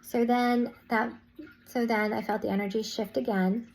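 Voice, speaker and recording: A woman's voice: a little high, steady tone, moderate pace, darkish tone, poor audio. A woman vlogger casually recounting a spiritual experience, rambling with restarts and "I was like" asides.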